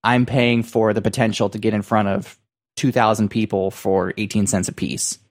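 A man co-hosting a casual business podcast, talking in a halting, circling way full of filler phrases. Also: lowish voice, flat delivery. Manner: halting, circling phrasing with repeated "you know" and "like". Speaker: podcast co-host.

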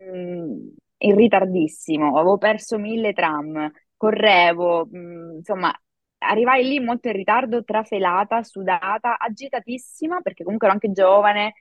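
A woman in her thirties, an actress and acting coach, telling a story in a lively podcast chat, full of fillers. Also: medium pitch, normal speed, dry recording, highs cut off. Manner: animated storytelling with many fillers. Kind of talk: casual podcast conversation.

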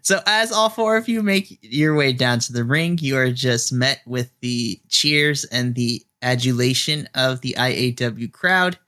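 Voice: mid-range voice, unhurried, hardly any pauses, pushed and bright. A game master narrating a wrestling tabletop game with enthusiasm and frequent laughs.

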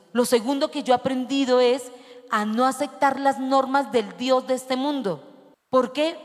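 Brief: middle-aged woman pastor, fairly high voice, preaching with questions, long church reverb. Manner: preaching with rhetorical questions to the congregation, slowing to read scripture. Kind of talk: sermon.

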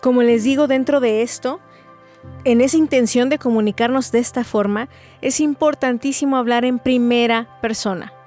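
A woman's voice: on the high side, a little mellow. A woman gives an earnest, explanatory faith-based teaching talk to her listeners, acting out short example phrases.

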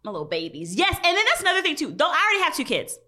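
Animated woman in her thirties chatting. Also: sits high, racing. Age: 30s. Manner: animated storytelling, quotes people in character. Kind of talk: casual chat.

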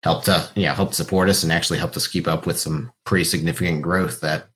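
Deep-voiced man chatting as a podcast guest. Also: flat delivery, quick pace, a bit bright. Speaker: podcast guest, company founder. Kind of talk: casual interview chat.

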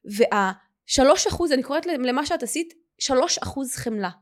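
A woman hosting a podcast tells a personal story in conversation, animated and quick in bursts as she acts out the things people said. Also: high voice. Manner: animated, acts out quoted dialogue. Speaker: podcast host.

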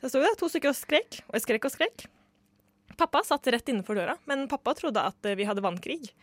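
A woman's voice: sits high, lively intonation, dry recording. A young woman from Norway telling a funny personal story in casual chat, acting out the people she quotes.

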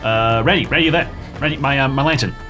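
A man's voice: medium pitch, music in the background, voice pushed up, close to an everyday voice. Man playing an anxious, urgent monster hunter. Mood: nervous. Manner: halting, then commanding.

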